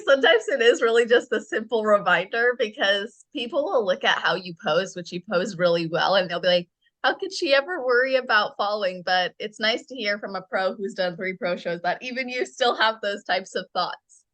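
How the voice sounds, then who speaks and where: A woman's voice: medium pitch, lively intonation, moderate pace, fairly bright tone, no room sound. A woman hosting a podcast, reading an upbeat intro and then chatting with her guest. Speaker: podcast host. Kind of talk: podcast interview.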